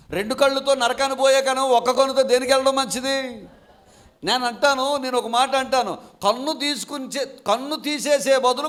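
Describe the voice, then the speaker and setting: A pastor with a strikingly high voice preaches to his congregation. He throws questions out to the room and answers them himself, then slows right down to read scripture with weight. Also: fairly bright tone. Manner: slow measured scripture reading. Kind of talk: sermon.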